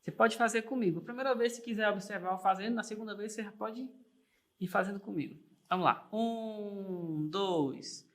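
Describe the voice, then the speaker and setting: A man's voice: high-pitched, fast talker, fairly bright tone, a little hiss or hum. A man teaching an online music theory lesson, patient and encouraging, often checking in with the learner and singing single sustained notes while clapping the beat.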